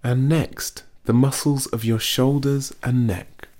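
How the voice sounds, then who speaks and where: Reading a guided muscle relaxation script, a man keeps a steady tone in his mid-range voice, speaking slowly and calmly while instructing gently.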